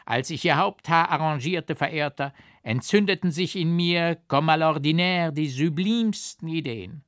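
Fussy little wigmaker man, voiced by a male reader, pompous and flowery, slightly raised voice, bright audiobook tone. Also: on the high side, a little slow, no echo, clean studio sound, pitched above the performer's own voice. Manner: grandiloquent, sprinkles in French phrases.

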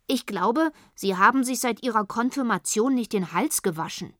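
A woman's voice: a little high, animated, moderate pace, no echo, studio quality, lightly acted. A woman reading aloud, voicing a cheeky, hungry little girl in a storybook. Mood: pert. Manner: cheeky, pert.

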